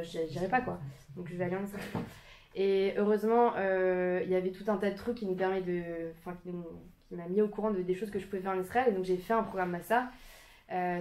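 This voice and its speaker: A young woman in her twenties the suburbs, giving an informal talk to a small group in a community room, filmed by a camera. She hesitates often, restarts and fills pauses. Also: mid-range voice, darkish tone. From France, Paris suburbs. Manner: hesitant, many fillers and restarts, self-conscious laughter.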